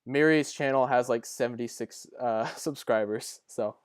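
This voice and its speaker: A man's voice: medium pitch, moderate pace, smooth, no room sound, clean studio sound. A man hosting a casual podcast, joking and blunt with his guests. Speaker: podcast host and editor. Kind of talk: casual chat.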